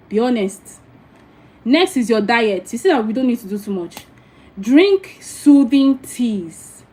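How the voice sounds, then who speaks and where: A woman's voice: fairly high pitch, mellow, low-quality recording. A Nigerian woman giving frank, preachy spiritual advice in a casual livestream, with many asides to her viewers. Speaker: spiritual teacher.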